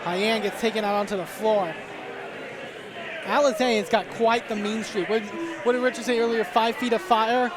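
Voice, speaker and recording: High-pitched excitable male wrestling commentator. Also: moderate pace. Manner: excitable, punctuates calls with exclamations. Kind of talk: live pro wrestling play-by-play commentary. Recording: noisy venue with loud crowd. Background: crowd noise.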